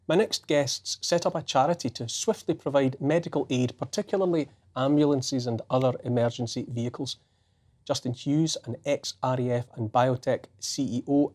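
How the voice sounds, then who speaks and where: A man presenting a broadcast interview in a polished, measured way. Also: medium pitch, warm tone.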